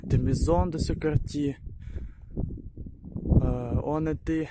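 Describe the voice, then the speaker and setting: A man from Ukraine with a Ukrainian accent vlogs outdoors, speaking halting, broken French with grammar slips. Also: a little high, fairly even intonation. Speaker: amateur vlogger. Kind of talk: outdoor travel vlog to camera. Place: outdoors near a city. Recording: clearly noisy outdoor recording, loud noise.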